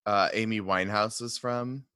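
A man's voice: lowish voice, steady tone, moderate pace, pushed and bright, smooth, no room sound, studio quality. A man, chatting casually as he interviews a guest. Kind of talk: casual chat.

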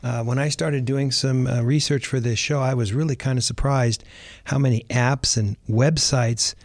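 A man hosting a podcast, talking in a relaxed, chatty way and often repeating words as he thinks. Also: mid-range voice, normal speed, dry recording, clean studio sound. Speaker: podcast host. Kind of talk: casual podcast talk.

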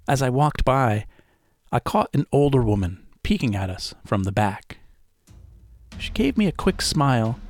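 Low-voiced man telling a story. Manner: casual, conversational storytelling with asides to the listener. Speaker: podcast host and narrator. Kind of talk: first-person paranormal story narration.

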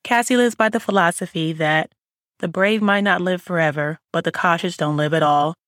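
Low-voiced female podcast host, dry sound. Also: normal speed, dry recording. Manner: reads the guest bio smoothly, then asks relaxed questions. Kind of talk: scripted introduction then interview.

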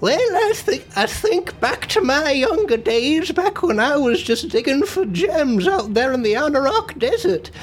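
Player acting an old prospector mage, raised pitch, nostalgic storyteller, whimsical, tabletop game. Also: sing-song, unhurried, few pauses, faint music behind.

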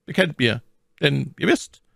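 A man's voice: on the high side, expressive, a little slow, gravelly, fairly bright tone, no room sound, studio quality, voice pushed up, exaggerated voice. A man putting on a sly, silky old cardinal. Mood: probing. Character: scheming older male cardinal, sly and probing. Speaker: audiobook reader.

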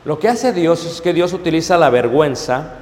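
A man preaching to his congregation, telling stories and calling them brothers, swinging between hushed asides and loud emphatic peaks. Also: a little high, expressive, normal speed, in a large hall. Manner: storytelling, addresses congregation as brothers, frequent "¿ok?". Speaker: pastor. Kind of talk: sermon.

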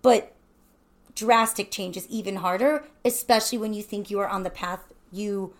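A woman's voice: medium pitch, normal speed. A woman hosting a casual, chatty conversational interview, recorded indoors in a wooden cabin. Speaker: podcast host, interviewer.

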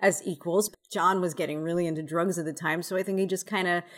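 A woman's voice: lowish voice, fairly even intonation, fast. Blunt, thoughtful woman podcast co-host. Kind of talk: casual conversational discussion.

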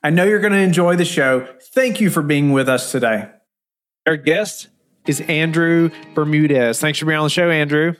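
A man's voice: fairly high pitch, moderate pace, a bit bright. A man hosting a podcast interview, talking casually with many fillers. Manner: friendly, filler-heavy talk with many "you know"s. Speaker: host.

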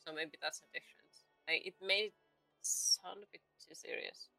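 A woman hosting a casual podcast chat, teasing and quick to laugh. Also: low-pitched, steady tone, gravelly, bright, forceful tone, no room sound, faint music behind, rough recording. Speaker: podcast host.

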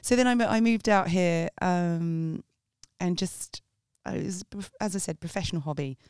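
An English jazz singer, a woman whose accent blends Sussex and Essex with a faint Australian touch, chats casually as an interview guest, rambling and restarting. Her voice is lowish and darkish, at a moderate pace, clean and studio-quality with no room sound.

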